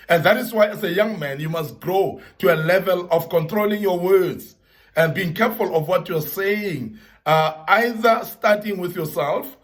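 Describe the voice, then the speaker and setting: A man giving an earnest motivational talk to young men, repeating key points for emphasis and citing the Bible. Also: a little high.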